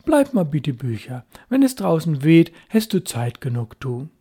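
A man voicing a calm fisherman father who has a Low German accent and speaks in an approving way. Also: a little slow, husky, exaggerated voice. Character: calm fatherly fishing skipper.

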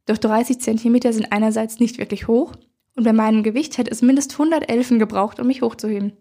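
A woman reads a first-person fairy tale aloud for children, calm and measured. Her voice is husky and dark in tone, pitched a little high. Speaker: storyteller. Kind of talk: scripted first-person story narration.

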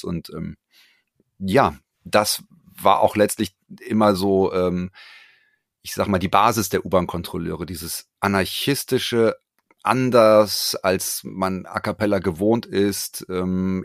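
Very low man in his forties, relaxed interview guest, hesitant, dry sound. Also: dry recording. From Frankfurt, Germany. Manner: relaxed, hesitant with many fillers. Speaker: guest, a cappella performer. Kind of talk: casual interview. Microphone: remote call.

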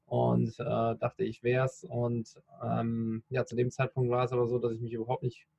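A man in his thirties from the Rhineland in Germany, a coach and podcaster, speaks reflectively in a casual interview, full of fillers and restarts. His mid-range voice is monotone, moderately paced, mellow and slightly rough, with vocal fry. There's no room sound, but the recording is dull and lo-fi.

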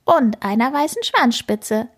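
Lady playing a friendly harbor rat, raised voice, husky, reassuring, storybook. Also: fairly high pitch, animated, a little slow, pitched above the performer's own voice. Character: friendly know-it-all female harbor rat. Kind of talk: children's story reading.

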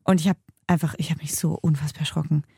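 A woman's voice: low voice, fairly even intonation, quick pace, gravelly, warm tone, breathy edge, no room sound. Woman podcast host telling a story, blunt, swears a lot, dry close sound. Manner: emphatic storytelling, blunt and emotional, swears freely. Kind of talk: casual chat.

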